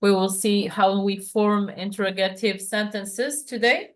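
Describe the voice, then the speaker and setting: A woman's voice: mid-range voice, steady tone, measured pace. Woman tutoring over a video call. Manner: explains patiently, many fillers and restarts. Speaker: French tutor. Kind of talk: online one-to-one lesson.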